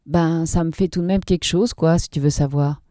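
A woman voicing a hesitant young gang member who talks in halting phrases. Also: a little high, fairly even intonation, mellow, dry recording, clean studio sound, lightly acted. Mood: uneasy. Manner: hesitant, mumbling.

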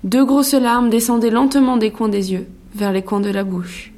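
A woman's voice: a little high, little pitch movement, a little mellow. Woman narrating a classic story. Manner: measured, storytelling. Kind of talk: scripted narration.

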